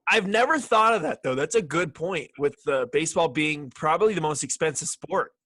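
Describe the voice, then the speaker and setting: A man's voice: a little high, expressive, a little fast, sharp tone, no echo. Easygoing young man hosting, dry sound. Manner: laid-back, chatty, swears, laughs often. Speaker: podcast host. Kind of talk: casual chat.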